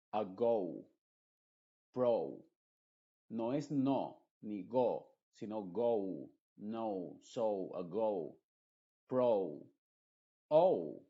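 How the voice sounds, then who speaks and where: A man's voice: medium pitch, warm tone, muffled recording. A man, teaching English pronunciation patiently and repeating example words. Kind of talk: slow, explanatory lesson narration.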